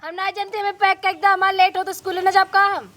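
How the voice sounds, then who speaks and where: A woman's voice: extremely high pitch, flat delivery, fast talker, pushed and bright. A woman playing a bratty Awadhi schoolgirl. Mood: demanding. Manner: whiny, demanding. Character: bratty schoolgirl sister-in-law. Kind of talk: village comedy skit.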